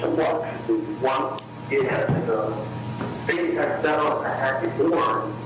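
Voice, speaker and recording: Inmate on a jail phone, slow rambling man, heavy echo, noisy playback. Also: medium pitch. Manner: slow, halting, rambling speech. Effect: prison phone call played aloud in court. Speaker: inmate on a recorded jail call. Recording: echoey courtroom playback of a phone call, noisy.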